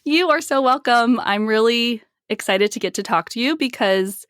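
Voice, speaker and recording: A woman hosting a podcast interview, enthusiastic and quick to laugh. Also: fairly high pitch, animated, fairly bright tone, dry recording, studio quality. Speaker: podcast host. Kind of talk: casual interview.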